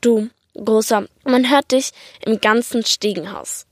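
A woman with an Austrian accent voicing a patient, practical mother who speaks calmly and firmly. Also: on the high side, measured pace, no echo, studio quality. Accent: Austrian German. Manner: calm, firm, organizing.

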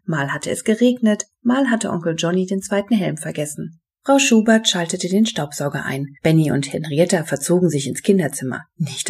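A woman narrating a children's storybook in a calm, even reading. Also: fairly low pitch, slightly rough. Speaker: audiobook narrator.

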